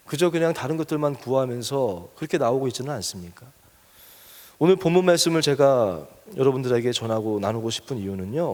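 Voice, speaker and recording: A man preaching a sermon as pastor, earnestly questioning his congregation and building in force as he urges them on. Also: in a large hall. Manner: earnest, asks the congregation questions, rises in pitch and force when urging.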